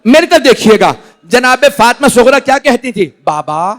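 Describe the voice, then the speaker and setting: A male cleric with a Pakistani Urdu accent and a very high, sing-song voice delivers a Muharram mourning sermon in a large indoor hall. He recites tragic episodes slowly, in a lamenting manner.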